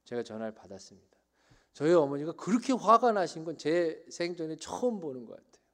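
A middle-aged man preaching a sermon as pastor, swinging between loud emphatic bursts and quiet dropped phrases. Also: fairly high pitch, big pitch swings, a little fast. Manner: preaching with rising emphatic bursts and soft drops.

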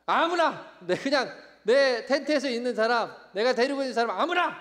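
A male pastor acting out an aggrieved old patriarch who loudly complains to God, in a whiny, indignant tone. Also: extremely high pitch, lively intonation, brisk, in a large hall, pitched above the performer's own voice. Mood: defiant. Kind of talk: sermon storytelling.

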